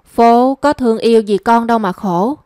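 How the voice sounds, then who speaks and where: A woman's voice: a little high, moderate pace, warm tone, dry recording, studio quality, close to an everyday voice. A woman reading a young man's lines in a story, his speech pleading and self-reproaching. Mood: rueful. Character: lovesick young man, pleading and rueful.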